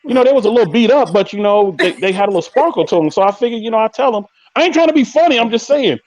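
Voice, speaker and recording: A man hosting a live podcast, chatting casually and telling stories in a slangy, animated way, acting out quoted lines. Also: high-pitched, rapid-fire, rough recording. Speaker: podcast host. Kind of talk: casual live-stream chat.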